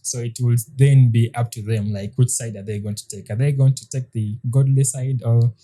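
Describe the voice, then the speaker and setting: A man in his thirties co-hosting a podcast in casual chat, hesitant, with frequent restarts and soft laughs. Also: mid-range voice, steady tone, moderate pace. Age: 30s. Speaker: podcast co-host.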